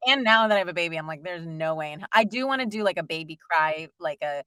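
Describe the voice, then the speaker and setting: A talkative woman in her thirties chats in an interview, full of fillers and quick laughs. Her voice sits low for a woman. The sound is close and dry. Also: lively intonation, fairly bright tone, smooth, no echo. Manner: chatty, rambling, lots of fillers and laughs. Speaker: voice actor guest. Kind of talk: casual interview chat.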